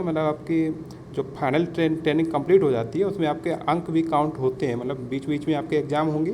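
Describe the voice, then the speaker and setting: In a fairly high voice with a darkish tone, an exam-prep teacher delivers a relaxed explainer lesson. He repeats points, speaks to listeners as friends, and blends in English words. The recording carries clear background noise.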